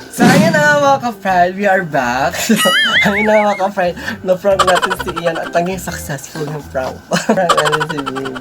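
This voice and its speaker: A woman chats casually to her vlog viewers, teasing and giggling as she goes. Her voice sits low but swings widely in pitch. Loud music plays under her talk. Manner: teasing, giggly, often breaks into laughter. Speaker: couple vlogger, host.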